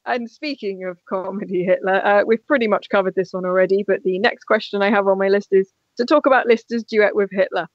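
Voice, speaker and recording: A woman's voice: medium pitch, fairly even intonation, fairly quick, few pauses, no echo. A woman hosting a podcast in casual chat, joking as she moves through her questions. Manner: jokey, leads the questions. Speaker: podcast host. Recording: dull dry recording.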